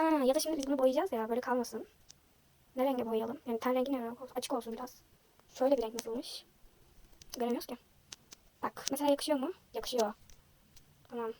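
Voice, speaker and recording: Young woman, high voice, rapid self-deprecating chatter, a little hoarse, faint noise behind. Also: mellow. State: slightly hoarse, sore throat. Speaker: vlogger. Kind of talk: casual chat while drawing.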